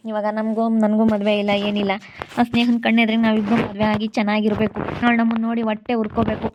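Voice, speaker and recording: A kind, protective young village man, played by a woman, reassuring in fast, earnest speech. The pitch is high and level. The recording is dull with a faint noise underneath. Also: flat delivery, close to an everyday voice. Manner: quick earnest reassuring talk. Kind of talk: amateur village skit acting.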